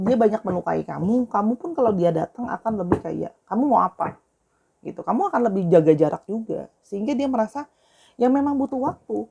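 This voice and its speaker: A young woman talks through a tarot reading in a relaxed, chatty way, fondly addressing her listeners as dear. Her voice has a gravelly, creaky edge at a middling pitch. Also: lo-fi sound. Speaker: tarot reader. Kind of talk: casual spoken tarot reading.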